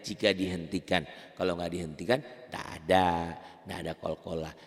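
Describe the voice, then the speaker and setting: A man teaching Quran reading rules, animated, asking questions and answering them himself. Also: low-pitched, moderate pace, in a large hall. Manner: animated, asks and answers his own questions. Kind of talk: tajwid lesson.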